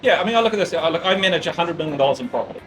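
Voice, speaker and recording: A man in his fifties with a New Zealand accent, a guest in a casual interview, talking bluntly and briskly with many restarts. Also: a little high, expressive, noisy background. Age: 50s.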